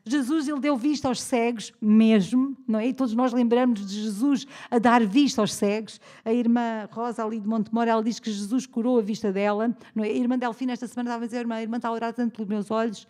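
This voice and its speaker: A woman preacher with a European Portuguese accent delivers a sermon in a relaxed, conversational way. Her voice sits a little high, and she keeps turning to the congregation for affirmation. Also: fast talker, hardly any pauses. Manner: conversational, calls for "amen" responses. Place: church.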